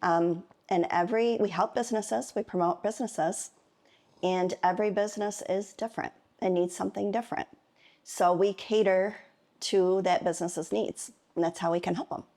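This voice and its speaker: A woman's voice: mid-range voice, fairly even intonation, normal speed, darkish tone. Friendly woman explaining as an interview guest. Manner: friendly, explanatory, uses fillers. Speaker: chamber of commerce president, guest. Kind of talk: interview answers.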